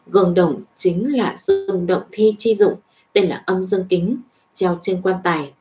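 A woman reading a web novel aloud as narrator, in an even storytelling voice with small lifts for dialogue. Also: on the low side, unhurried, faint music behind.

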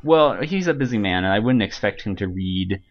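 A very low-voiced man rambles through his ideas in a relaxed podcast chat, pausing on ums and restarting his sentences. The sound is a little dull and lo-fi. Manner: hesitant, rambling with frequent ums and laughs. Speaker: podcast guest, author.

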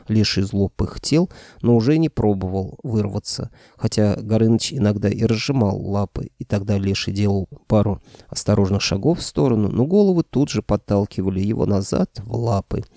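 A man reading an audiobook in an even, wry storytelling manner. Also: fairly low pitch, moderate pace, gravelly, no room sound, clean studio sound. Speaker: audiobook narrator.

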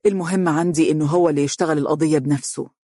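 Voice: mid-range voice, steady tone, very fast, dark tone, no room sound, clean studio sound, close to an everyday voice. A narrator voicing an anxious, pleading father in Egyptian Arabic for an audiobook. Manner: eager, pleading. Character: anxious older father of an accused son.

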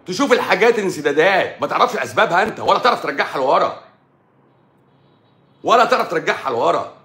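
A man's voice: high-pitched, very animated, fast talker, bright, forceful tone. A middle-aged man with an Egyptian Arabic accent, a doctor ranting combatively on a live stream and firing off rhetorical questions. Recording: echoey room.

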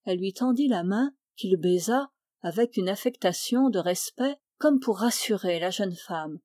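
Une femme lit un roman classique d'une voix posée et mesurée. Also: female voice, mid-range voice, lively intonation, measured pace, mellow, dry recording, studio quality. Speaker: audiobook reader. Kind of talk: literary audiobook narration.

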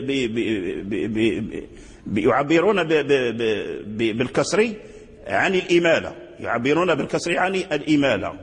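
A man's slightly high, husky voice explains Quran readings in a slow, repeating lecture. He restarts his words often and chants the examples. The sound carries a long hall reverb. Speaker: Quran recitation teacher.

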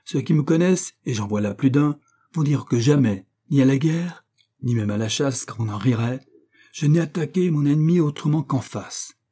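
A man's voice: mid-range voice, lively intonation, moderate pace, dark tone, breathy edge, pitched above the performer's own voice. A man voicing a proud, righteous nobleman and sea captain who speaks with stern, declamatory force. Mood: indignant.

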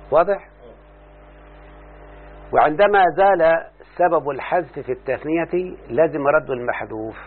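A man with an Egyptian Arabic accent teaching a grammar lesson, speaking slowly and deliberately and quizzing his student as he goes. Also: a little high. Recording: tinny phone-like, faint hum.

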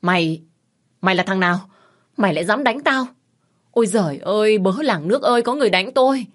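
A woman voicing a loud, quarrelsome woman over fifty who shouts and wails theatrically in an audio story. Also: expressive, fairly quick, close to an everyday voice. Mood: wailing. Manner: shrill, wailing, theatrical ranting.

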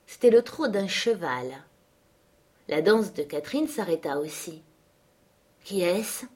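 A woman reading a classic novel aloud in measured, expressive narration. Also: fairly low pitch, husky. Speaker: audiobook reader. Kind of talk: literary narration.

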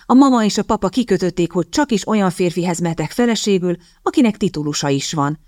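A woman voicing a timid young lady with a high, girlish voice who stammers and hesitates. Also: animated, darkish tone, no echo, clean studio sound, close to an everyday voice. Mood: bashful.

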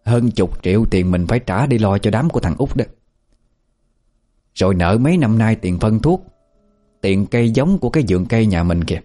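A man voicing a sharp-tongued older village wife who scolds and nags. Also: fairly low pitch, expressive, soft background music. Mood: scolding. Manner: scolding, rapid nagging.

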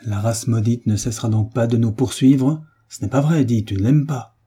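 A man's voice: steady tone, normal speed, warm tone, breathy edge. A man voicing a proud, bitter old peasant father who flies into rage at his son. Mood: enraged. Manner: raging outbursts, then low and broken.

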